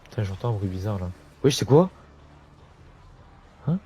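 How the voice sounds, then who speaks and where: A man's voice: fairly low pitch, big pitch swings, moderate pace, dark tone, slightly rough, highs cut off. A young man giving casual, slangy commentary while playing a zombie game, talking straight to his viewers and breaking into sudden yelps. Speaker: gamer streamer.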